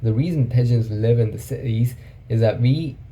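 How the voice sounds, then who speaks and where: A man's voice: medium pitch, moderate pace, dark tone, slight background noise. A man talking through his thoughts in a casual, reflective monologue, thinking aloud and often checking in with "right?". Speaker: vlogger.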